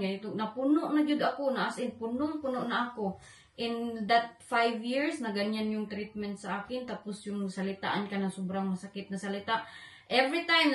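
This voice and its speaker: A woman's voice: on the high side, fairly bright tone. Upset young woman, echoey room. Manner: tearful, upset, rambling, mixes in English. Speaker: vlogger. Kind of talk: emotional confessional vlog.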